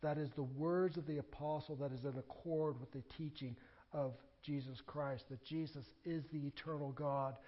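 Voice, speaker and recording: Male pastor, sermon, fairly high voice, emphatic, muffled lo-fi recording. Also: steady tone, normal speed. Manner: preaching, swings from quiet reading to loud emphatic declarations.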